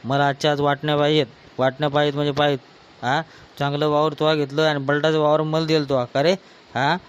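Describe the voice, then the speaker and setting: A man with a Varhadi Marathi accent playing a drunk, quarrelsome son who loudly demands his share of the family land in a village comedy skit. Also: on the high side, little pitch movement, fast talker, clean tone, dull audio, close to an everyday voice. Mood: belligerent. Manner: aggressive, shouting threats.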